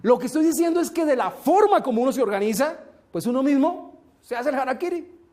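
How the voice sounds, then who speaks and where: A man's voice: very high-pitched, animated, brisk, dark tone. A man giving a motivational business seminar to a live audience. He tells stories and speaks straight to the people in the room. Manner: storytelling, addresses the audience directly.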